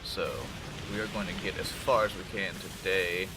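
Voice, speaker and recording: Over background noise, a young gameplay commentator talks in a low, congested voice with a steady tone at normal speed. His let's-play chatter is casual and profane, full of jokes and retorts aimed at the game.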